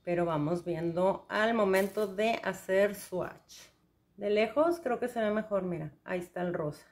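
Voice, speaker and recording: A woman's voice: medium pitch, measured pace, a little mellow. A young woman, chatting enthusiastically to the viewer while reviewing makeup. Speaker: beauty vlogger.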